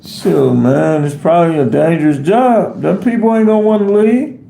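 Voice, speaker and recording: A man's voice: fairly high pitch, moderate pace, gravelly, warm tone, echoey room. An American man hosting a live stream, rambling casually as he answers viewer comments off the cuff. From United States. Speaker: livestream host reading chat.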